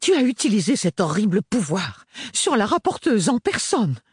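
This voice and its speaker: A man reading an audiobook, voicing a bossy middle-aged mother who scolds in a shrill, furious way. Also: sing-song, normal speed, darkish tone, husky, dry recording, studio quality.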